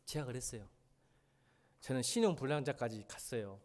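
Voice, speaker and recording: A male pastor preaching a sermon in a church, pleading loudly at times and dropping to soft, confiding asides. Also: medium pitch, lively intonation, moderate pace. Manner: emotional preaching, swinging between loud pleas and soft confiding asides. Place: church sanctuary.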